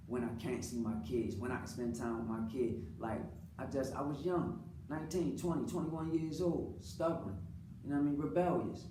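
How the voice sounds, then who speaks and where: An American man speaking off the cuff in an earnest, colloquial personal monologue, repeating phrases for emphasis. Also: medium pitch. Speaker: father speaking about his own life. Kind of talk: unscripted personal monologue, casual talk. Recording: roomy, distant mic, clearly noisy background.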